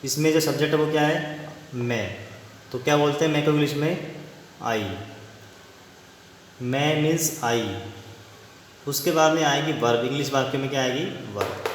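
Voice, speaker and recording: Guy teaching grammar, kinda high voice, asks and answers his own questions, big echoey room w long reverb. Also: a little hiss or hum. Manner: repeats question-and-answer prompts, slows to dictate examples. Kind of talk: classroom grammar lesson.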